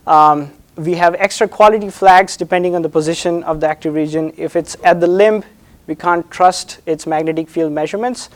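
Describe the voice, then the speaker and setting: A man presenting an academic thesis defense as a doctoral candidate, hesitant and halting, often repeating words and checking in with "right?". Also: fairly high pitch.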